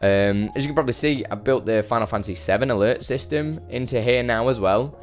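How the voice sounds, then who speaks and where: A man's voice: mid-range voice, a little fast. A man streaming live from home in an easy, rambling chat. He pokes fun at himself and greets viewers one by one. His voice sits mid-range, with faint music playing underneath. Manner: rambling, self-deprecating, greets chat by name.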